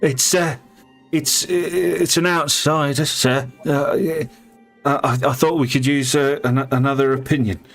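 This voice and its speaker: A man puts on a nervous woman shaman for a tabletop fantasy game, lifting the pitch well up. She is deferential and halting, apologetic as she explains, with music underneath. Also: steady tone, a bit bright. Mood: nervous, pleading. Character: anxious, deferential female shaman of a fantasy clan. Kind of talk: tabletop fantasy role-play.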